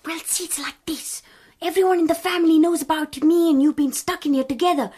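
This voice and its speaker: High-pitched, pushy young British woman. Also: quick pace, mellow. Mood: cheeky, insistent. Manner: cheeky, bossy. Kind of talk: radio comedy-drama acting.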